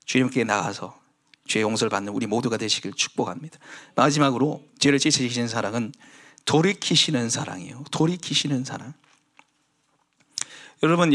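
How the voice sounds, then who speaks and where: A pastor preaching a Sunday sermon, animated, with swings between emphatic lines and hushed, pleading tones. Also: male voice, medium pitch. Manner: animated preaching, dropping to hushed tones when voicing Jesus's pleas.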